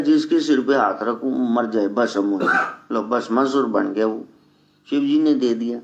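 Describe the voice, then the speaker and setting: A man delivers a devotional sermon at a very slow, earnest pace. His voice sits somewhat high for a man. The recording is dull and lo-fi. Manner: slow, earnest preaching mixed with sung mantras. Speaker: spiritual teacher.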